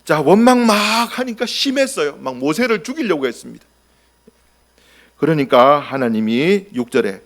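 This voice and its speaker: A male pastor preaching a sermon, animated, acting out scenes and asking the congregation questions. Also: medium pitch.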